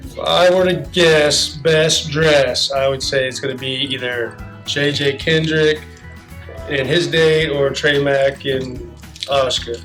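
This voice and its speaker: A man answering a quick interview question, guessing in a deliberate way. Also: mid-range voice, fairly even intonation, a bit bright, faint music behind, low-quality recording. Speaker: student interviewee. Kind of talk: casual vox pop answer.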